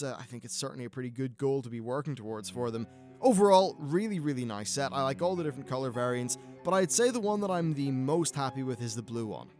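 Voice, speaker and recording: British man, higher-pitched voice, casual game commentary. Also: a little mellow. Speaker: gaming video host.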